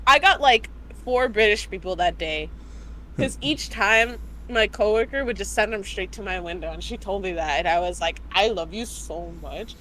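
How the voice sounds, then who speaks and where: A young woman from the United States, co-hosting a casual podcast, animated and laughing as she acts out customers. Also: medium pitch, moderate pace, slight background noise, poor audio. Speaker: co-host. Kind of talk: casual storytelling chat.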